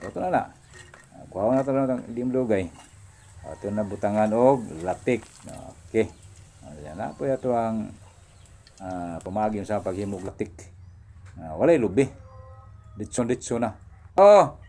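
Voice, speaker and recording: A man's voice: on the low side, moderate pace, long pauses, mellow. A man giving a casual cooking demonstration in his kitchen, chatting and laughing as he films with a phone in one hand. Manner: chatty, laughs often, talks while working. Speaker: cooking vlogger. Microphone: phone camera held in one hand.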